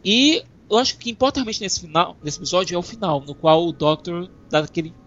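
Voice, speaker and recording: A woman's voice: on the low side, fast talker. A woman co-hosting a podcast, casually recapping TV episodes with restarts and laughs. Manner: summarizing plot with laughs and restarts. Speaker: podcast co-host. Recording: dull dry recording.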